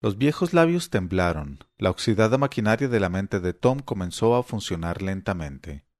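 A man reading a story aloud in a measured, even narration style. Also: sits low, dry recording, clean studio sound. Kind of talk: scripted audiobook narration.

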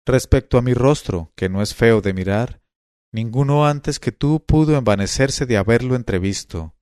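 A man's voice: mid-range voice, moderate pace, a little mellow, dry recording, studio quality, lightly acted. A man reading the lines of a bold, teasing eighteen-year-old noblewoman in a storybook tale, in a playful, coaxing way.

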